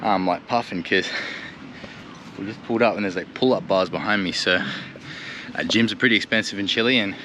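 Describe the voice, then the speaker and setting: A young Australian travel vlogger chats casually and laid-back, full of filler words, while driving a tuk-tuk outdoors by a road. His voice sits low and sounds pushed and bright, at a normal speed with frequent pauses. Traffic and vehicle noise are clearly audible.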